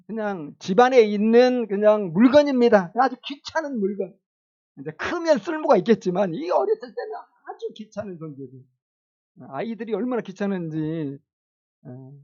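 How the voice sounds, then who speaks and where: High-voiced pastor preaching conversationally. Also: male voice, very animated, normal speed, a little mellow, highs cut off. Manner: conversational preaching with rhetorical questions and chuckles. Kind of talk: sermon.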